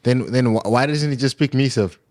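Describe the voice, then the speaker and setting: A young man with a Cape Town accent hosts a casual podcast chat, easygoing and slangy, often laughing. His voice is mid-pitched. The recording is close and dry. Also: fairly quick, a little mellow, no room sound. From Congo. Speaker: podcast host. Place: podcast studio.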